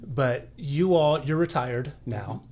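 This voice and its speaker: A man's voice: medium pitch, expressive, slow pace, a little mellow, slight background noise. A man hosting a podcast, asking questions and affirming his guests in an encouraging way. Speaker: podcast host. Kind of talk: interview.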